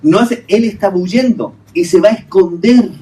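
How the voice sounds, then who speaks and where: Recorded from a distance, a man with a high-sitting, warm voice preaches at a moderate pace in a hotel hall. This pastor asks his congregation rhetorical questions and works English terms into his talk.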